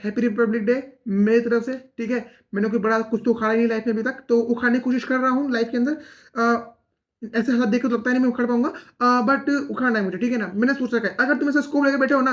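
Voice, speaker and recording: A young man speaking very fast in a casual, rambling monologue, poking fun at himself while giving motivation to fellow exam aspirants. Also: extremely high pitch, lo-fi sound. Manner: very fast, rambling, self-mocking talk.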